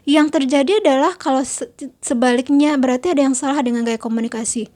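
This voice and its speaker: Woman, high voice, parenting talk, chatty, acts out quotes. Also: fast talker, a little mellow. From Indonesia. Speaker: parenting speaker.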